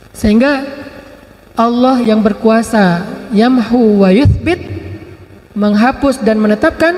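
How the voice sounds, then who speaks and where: A man's voice: very high-pitched, echoey room, big-room sound. A man giving a sermon, telling stories with acted dialogue in a casual, playful way. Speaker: preacher.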